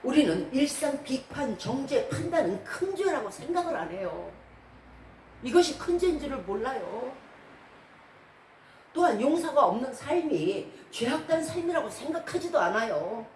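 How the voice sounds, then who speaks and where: Her voice sits high and has a sing-song lilt, moving at a moderate pace with a slightly mellow quality. She preaches a teaching sermon during a church hall service, asking her congregation rhetorical questions, captured by a distant mic in an echoey room with noise behind her.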